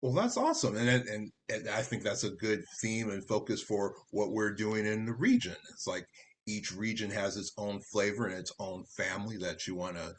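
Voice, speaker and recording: A man's voice: lowish voice, normal speed, a little hiss or hum. A man hosting an interview, chatty and rambling, with many fillers and restarts. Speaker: interview host. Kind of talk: casual interview over video call.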